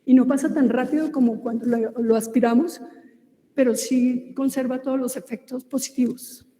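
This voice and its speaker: Speaking with fairly even intonation, a Colombian-accented woman gives a relaxed, conversational lecture on cosmetic ingredients, often stopping on fillers and starting phrases over. Her voice is high but soft and mellow, recorded in an echoey space with long reverb.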